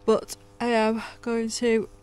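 Inside her camper van, this British vlogger in her thirties talks casually to the camera, somewhat stuffy from a sore throat. She's chatty, laughs a lot and coos at her dogs, yet her higher voice is completely flat, slow, a little mellow and clean.

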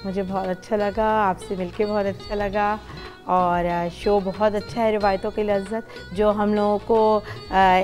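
A woman's voice: mid-range voice, little pitch movement, measured pace, hardly any pauses, darkish tone, faint music behind. A woman in her thirties appearing as a guest cook on a TV show, explaining recipes and tips with a few hesitations, in a studio kitchen. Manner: explanatory, hesitant with fillers and restarts. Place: bright studio kitchen set.

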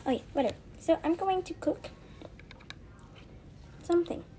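A woman's voice: extremely high pitch, moderate pace, warm tone, slight background noise. A woman narrating doll play in a home video, rambling and shrugging things off as she goes. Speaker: video creator.

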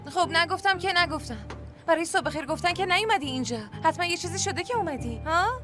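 An actress dubbing a weary young woman raising her siblings in a TV drama, brisk and impatient. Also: very high voice, expressive, music in the background. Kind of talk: Persian dub of a TV drama.

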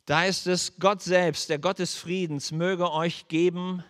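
A male pastor preaching a sermon, earnestly asking his listeners direct questions and turning soft and low as he leads into prayer. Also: fairly even intonation, a little slow. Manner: drops to a soft, low voice when leading into prayer. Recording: long hall reverb.

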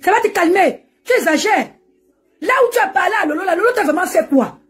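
A woman's voice: very high voice, lively intonation, quick pace. A woman ranting and mocking on a live stream from home, laughing often as she talks into her phone. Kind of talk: animated Facebook live rant.

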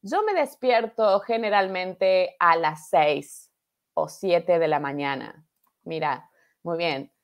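A woman's voice: on the low side, slow. A woman from Argentina with an Argentine accent, teaching a live online Spanish class in a patient, encouraging way that keeps checking in with the viewers. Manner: patient, encouraging, repeats and asks "¿verdad?". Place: home studio, live stream.

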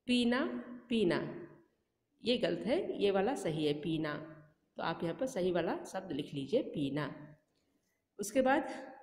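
A woman teaches a class through a workbook, speaking slowly and patiently and repeating each word. Her voice carries a long reverb, as if recorded in a bare, echoing room. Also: fairly low pitch, darkish tone. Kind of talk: school lesson walkthrough.

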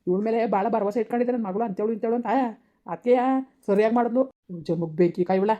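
A woman voicing an angry village father who shouts and curses at his daughter in a harsh, bitter way. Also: mid-range voice, fast talker, lightly acted. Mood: raging. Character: furious village father, harsh and cursing, man. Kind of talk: village family drama acting. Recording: dull lo-fi recording.

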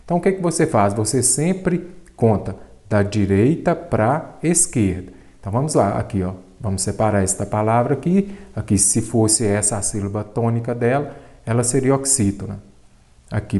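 Brazilian male teacher, mid-pitched, warm tone, asks then answers himself. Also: expressive, moderate pace. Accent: Brazilian Portuguese. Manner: explanatory, asks and answers his own questions. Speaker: Portuguese teacher. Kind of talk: exam-prep grammar lesson.

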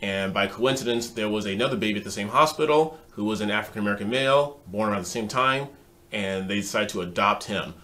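A man co-hosting a casual talk show, relaxed with a dry, joking manner. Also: fairly low pitch. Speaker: co-host. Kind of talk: casual chat.

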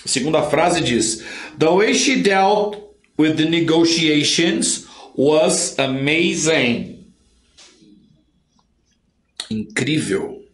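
A man's voice: fairly high pitch, lively intonation, drawn-out words, long pauses, roomy sound. A man with a Brazilian Portuguese accent teaching an online English lesson. He talks emphatically, drills phrases by repetition and pushes learners to work hard.

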